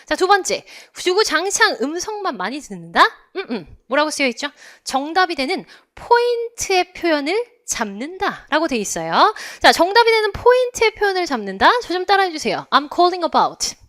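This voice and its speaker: A woman's voice: very high voice, very animated, moderate pace, hardly any pauses, fairly bright tone. A woman with a Korean accent teaching in an online English test lecture, asking her students to repeat phrases after her.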